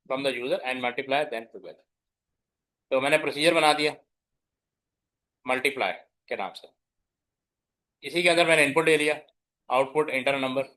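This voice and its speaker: Here the computer science teacher, a middle-aged man, sounds bright and forceful at a medium pitch. He explains the lesson to his class one step at a time, mixing English terms into Hindi and confirming his students understand.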